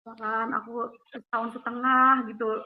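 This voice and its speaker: High-voiced woman on a tinny phone line. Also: little pitch movement, normal speed. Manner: rambling, with many fillers. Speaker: interview guest giving testimony. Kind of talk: emotional personal testimony. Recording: tinny phone line, faint background hiss.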